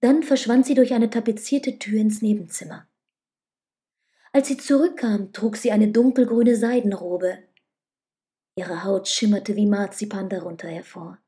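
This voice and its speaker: A woman reading a novel aloud as calm, slow audiobook narration, at times dropping to a whisper. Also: medium pitch.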